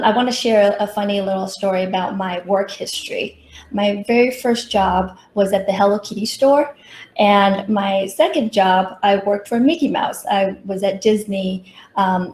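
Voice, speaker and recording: In a roomy, echoing space with faint background noise, a middle-aged consultant from Taiwan gives a prepared workshop talk full of personal stories. Her voice sits at medium pitch with a darkish tone and a moderate pace.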